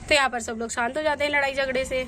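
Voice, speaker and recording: High-voiced woman narrating a doll story. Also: steady tone, quick pace, pushed and bright, slight background noise. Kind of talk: scripted narration.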